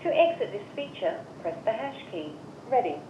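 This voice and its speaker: A woman's voice: on the high side, sing-song, warm tone. Woman's automated voicemail prompts via speakerphone. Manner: measured, evenly spaced instructions. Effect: voicemail system voice heard through a phone speaker. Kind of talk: recorded menu prompts. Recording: muffled, echoey phone speaker with hiss.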